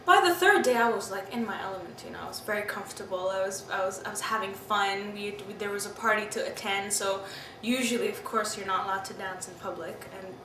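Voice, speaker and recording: Brisk, with few pauses, a Pakistani woman in her twenties talks in a medium-pitched, pushed, bright voice. She is giving a candid, reflective interview about personal memories, often using "you know" and "I mean," recorded roomily through a distant mic with background noise.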